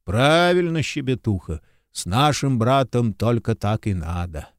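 A man's voice: mid-range voice, sing-song, unhurried, no echo, studio quality. A man reading an audiobook, voicing an easygoing, good-natured army sergeant with a mocking edge. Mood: wry.

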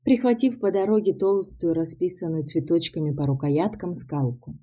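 Audiobook narrator, female, low and husky, steady matter-of-fact delivery. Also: normal speed. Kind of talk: first-person audiobook narration.

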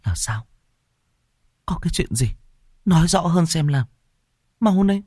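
A man's voice: high voice, expressive, moderate pace, dry recording, clean studio sound, voice pushed up. A man voicing a desperate young mother who demands answers urgently.

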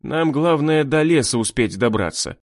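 A man's voice: on the high side, lively intonation, moderate pace, dry recording, studio quality, close to an everyday voice. Man reading as an urgent commanding young man. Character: decisive young man, quick in danger.

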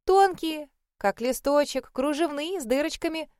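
A woman voicing a hearty, fussing middle-aged mother-in-law who talks loudly and exclaims a lot. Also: fairly high pitch, animated, normal speed, clear, resonant tone, dry recording, clean studio sound, close to an everyday voice. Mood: boisterous.

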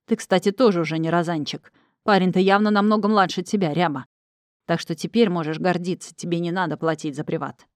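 A woman doing a gruff, brawny hothead. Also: fairly low pitch, fairly even intonation, fairly quick, no echo, clean studio sound, lightly acted. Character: brawny angry man, hot-tempered rescuer.

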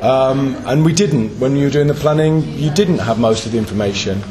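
An English man, an interpreter, giving feedback in a group discussion, pausing with many ums as he thinks aloud. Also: medium pitch, a crowd in the background. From England. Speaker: conference interpreter.

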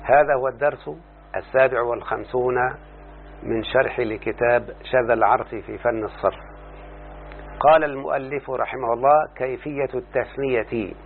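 A man's voice: medium pitch, creaky. Egyptian man teaching over a tinny line. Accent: Egyptian Arabic. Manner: slow, deliberate, quizzing the student. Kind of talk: Arabic grammar lesson. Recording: tinny phone-like, faint hum.

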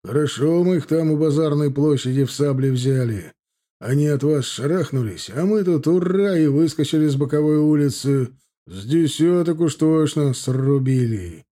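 A man voicing a hot-blooded Cossack leader with rough, folksy speech in a storybook. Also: medium pitch, a little slow, mellow, lightly acted. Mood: excited.

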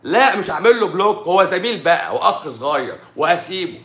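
Fast-talking combative Egyptian man. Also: high voice, big pitch swings, pushed and bright. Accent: Egyptian Arabic. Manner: combative, rapid rhetorical questions. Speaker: doctor. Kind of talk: live-stream rant. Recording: echoey room.

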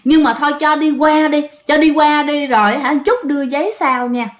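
A woman's voice: sits high, normal speed, lightly acted. A woman doing a pushy ghost ex-husband. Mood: pleading. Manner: pleading and insistent. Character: pushy dead ex-husband ghost, middle-aged man.

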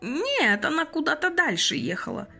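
A woman's voice: sits high, wildly swooping pitch, normal speed, vocal fry, pushed and bright, soft background music, pitched above the performer's own voice, full character voice. A woman reading an audiobook, voicing a kind, emotional old man who used to be a train conductor, with a fussy, exclamatory manner. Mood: tearful.

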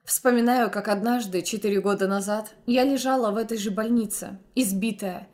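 A woman's voice: mid-range voice, fairly even intonation, moderate pace, a little mellow. Emotional young woman narrating a story. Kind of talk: first-person audiobook narration.

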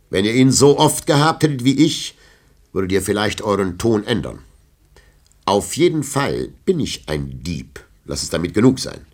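A man's voice: fairly low pitch, pitched above the performer's own voice. A man voicing a bitter, defiant young thief and poet in an audiobook, heated and mocking.

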